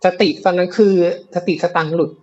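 A man's voice: high-pitched, level tone, brisk, muffled recording. A man telling a ghost story in a casual, chatty way, with many fillers and repeats, on a live show. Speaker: guest storyteller of ghost stories.

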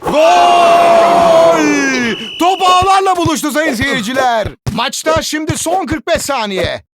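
A man playing an excitable football commentator in an arcade video game, screaming out short exclamations and drawn-out goal calls. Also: very high-pitched, very noisy. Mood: excited, screaming.

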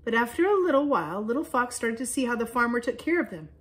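A woman leading children's chapel, reading a children's story aloud with lively storytelling emphasis. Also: on the high side, fast.

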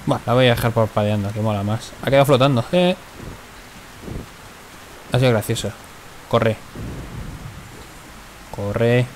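A man from Spain talks over his game with a Spain Spanish accent and a middle-pitched voice. He swears freely and gets jumpy when enemies close in. There is a faint hiss behind him. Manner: swears often, jumpy and excitable in fights. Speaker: gaming commentator. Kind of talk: let's play commentary.

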